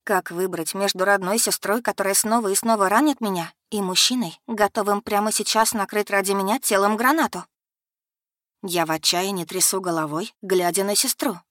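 A woman narrating a first-person novel in a measured, expressive reading. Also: medium pitch, no room sound, clean studio sound. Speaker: audiobook narrator.

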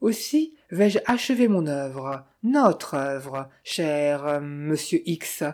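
A woman voicing a sly, smooth-talking male Italian bandit who mocks with false friendliness, in a storybook reading. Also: low voice, animated, slow, a little mellow, pitched below the performer's own voice, full character voice. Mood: mocking.

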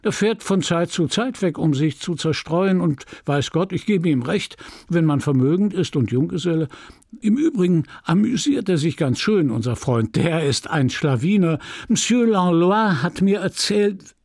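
A man's voice: on the high side, expressive, normal speed, a little mellow, no room sound, clean studio sound, pitched above the performer's own voice. A man voicing a talkative, oblivious country doctor husband in a storybook reading. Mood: chatty.

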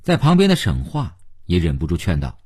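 A man narrating a novel as an audiobook, in an expressive storytelling way. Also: low-pitched, fairly quick, husky.

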